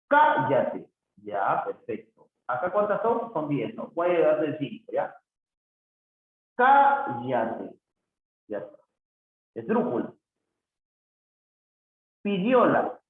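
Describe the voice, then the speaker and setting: A man, possibly, teaching a worksheet lesson on marks, stretching out words and muttering "ya está" to himself as he works. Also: on the high side. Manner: drawn-out syllables, self-talk with many "ya está" and "ahí está". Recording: phone-like, very echoey room with faint noise.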